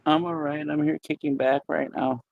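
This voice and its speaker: A man chatting casually as a guest on a live-stream panel, relaxed and commiserating. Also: fairly high pitch, moderate pace, creaky, narrow, tinny audio, slight background noise.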